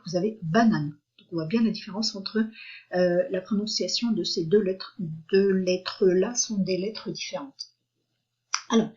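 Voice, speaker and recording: A patient woman teaches a beginners' reading lesson, spelling out letters and syllables slowly. Her voice is husky and a little breathy. The recording sounds dull and lo-fi. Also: medium pitch. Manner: patient, repeats "d'accord?" often, hesitant fillers.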